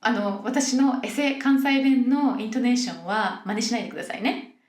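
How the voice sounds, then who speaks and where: A woman's voice: fairly high pitch, normal speed, darkish tone. A young woman from Yokohama hosts a podcast for Japanese learners, explaining things in a friendly way and acting out example phrases. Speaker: podcast host teaching Japanese. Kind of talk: casual podcast monologue. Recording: roomy echo.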